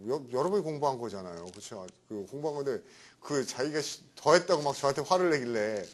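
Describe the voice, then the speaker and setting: A man's voice: mid-range voice, animated, brisk. A middle-aged man lecturing on English vocabulary to a class, chatty and often checking in with his students. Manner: chatty, keeps asking "right?".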